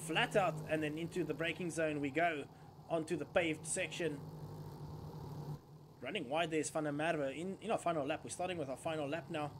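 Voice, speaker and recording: A man's voice: on the high side, fairly even intonation, moderate pace, noisy background. A man giving live kart racing commentary as a motorsport commentator, following the action as it unfolds.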